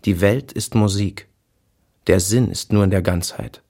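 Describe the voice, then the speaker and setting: An intense wandering poet's diary. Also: male voice, lowish voice, steady tone, measured pace, mellow. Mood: rapturous. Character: man, wandering poet-philosopher, intense. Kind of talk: literary radio feature reading.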